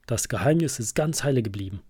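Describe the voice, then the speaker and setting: A man voicing a curious, cheeky little male raven in a children's storybook reading, with a croaky, impatient way of talking. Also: medium pitch, lively intonation, quick pace, a little mellow, dry recording, studio quality. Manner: nosy, impatient.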